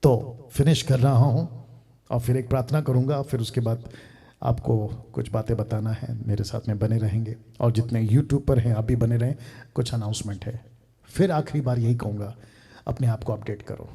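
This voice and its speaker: A male pastor preaching a sermon, mixing in English phrases, swinging from loud emphasis down to near-murmurs. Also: medium pitch, fairly even intonation, moderate pace, vocal fry, breathy edge.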